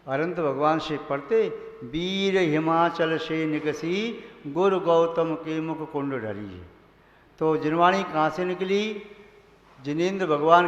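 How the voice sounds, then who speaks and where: A man, a monk, giving a measured sermon and posing rhetorical questions to his listeners. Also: a little high, fairly bright tone. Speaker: Jain monk. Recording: echoey hall, dull lo-fi sound.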